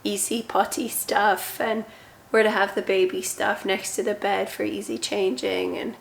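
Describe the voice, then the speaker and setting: A young woman who vlogs about parenting chats casually while giving a home tour, seated indoors in her bedroom. Her medium-pitched voice is somewhat hoarse, and she sounds relaxed and chatty, frequently using "like" as a filler.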